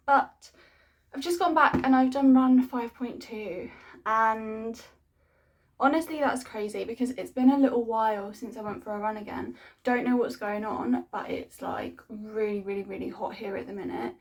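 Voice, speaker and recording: A young adult woman, a fitness vlogger, talks casually to her video diary, rambling informally and saying "like" and "honestly" a lot. Her voice is a little high.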